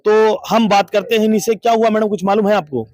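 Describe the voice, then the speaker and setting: A man's voice: high-pitched, steady tone, a little fast, a little mellow, dry recording. A man reporting from a crowded street as a local news reporter, making urgent, dramatic appeals to viewers.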